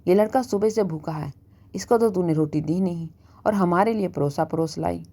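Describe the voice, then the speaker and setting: A woman voicing an angry middle-aged husband who shouts and taunts, in a storybook reading. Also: on the low side, normal speed. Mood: shouting. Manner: shouting, sarcastic.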